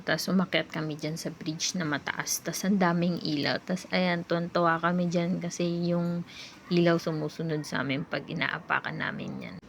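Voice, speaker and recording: Soft-spoken young woman vlogging. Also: fairly low pitch, gravelly, slight background noise. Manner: soft, rambling and confiding. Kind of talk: casual personal vlog talk.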